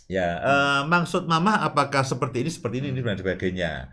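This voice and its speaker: A man's voice: medium pitch, sing-song, fast talker, sharp tone. A man hosting a family-life talk show, giving advice in an emphatic way and repeating his key phrases. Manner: acts out quoted speech with laughs. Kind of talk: advice talk to a live audience.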